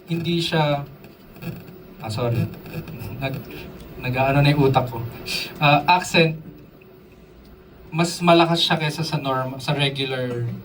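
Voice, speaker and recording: A drum instructor with a fairly high, slightly bright voice talks slowly with long pauses during a live drum workshop. He chats casually, quizzes the audience, and mixes in English terms. His voice is distant from the mic, drums are in the room, and there's a little hiss or hum.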